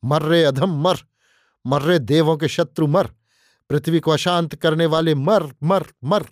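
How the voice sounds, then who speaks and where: Man reading as stern young warrior prince, commanding, slightly high voice, audiobook. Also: unhurried, no room sound, studio quality, natural voice. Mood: merciless. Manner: ruthless commanding cries, then calm counsel.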